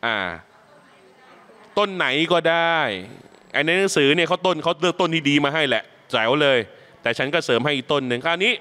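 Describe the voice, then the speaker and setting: A man who leads prayer as an imam, teaching new Muslims step by step in a mosque class, speaking patiently and chanting the Arabic recitations slowly for learners to follow. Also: a little high, pushed and bright, clear, resonant tone. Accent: Thai. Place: mosque training session.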